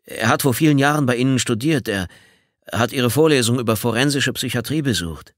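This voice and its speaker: A man's voice: sits low, big pitch swings, normal speed, no echo, clean studio sound. A man reading an audiobook, voicing a nervous young male student who stammers and apologizes. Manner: stammering, hesitant.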